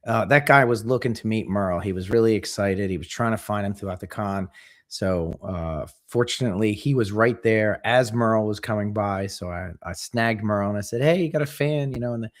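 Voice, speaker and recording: Man, low voice, co-host, relaxed casual chat, fillers, repeats. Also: fairly quick. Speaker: podcast co-host.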